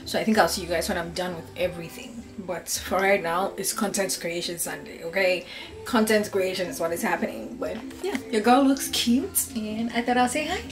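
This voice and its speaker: An air conditioner hums in the background as a woman in her twenties records an upbeat, casual vlog indoors in her bedroom and home office, holding the camera at arm's length. Her mid-range voice moves at normal speed and sounds reverberant.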